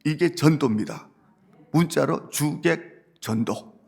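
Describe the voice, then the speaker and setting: A man's voice: a little high, slow pace, creaky, slight background noise. A male pastor, preaching a sermon earnestly and rising to emphatic points. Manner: earnest preaching, quoting Jesus gently, building to emphatic points.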